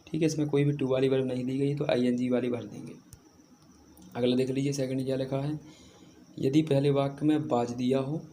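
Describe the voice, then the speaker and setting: A man's voice: medium pitch, dark tone, slight background noise. A man teaching an exam lesson over a screen recording, patiently repeating points and answering his own questions. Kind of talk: exam prep lesson walking through a paper.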